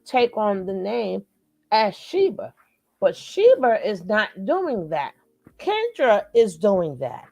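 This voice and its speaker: A woman delivers reaction commentary at an unhurried pace, stressing and repeating her phrases as if preaching to her viewers. Her voice sits dry and close, with almost no room sound around it. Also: on the high side, a little mellow, no room sound, low-quality recording. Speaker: commentary host.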